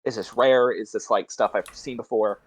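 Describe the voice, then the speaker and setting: A man playing a tabletop game, chatting casually and haltingly as he thinks aloud. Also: lowish voice, fairly even intonation, slightly rough.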